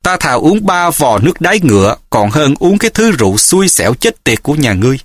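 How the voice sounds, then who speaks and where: A blunt, hot-tempered follower , as a male narrator plays him spits out his words gruffly and indignantly. The pitch leaps about and the sound is dry and close, like an audiobook. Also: expressive, normal speed, dry recording.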